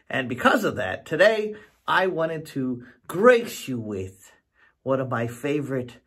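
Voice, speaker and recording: Animated, theatrical middle-aged male joke-teller. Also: medium pitch. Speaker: actor telling jokes. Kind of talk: storytelling joke to camera. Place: home studio.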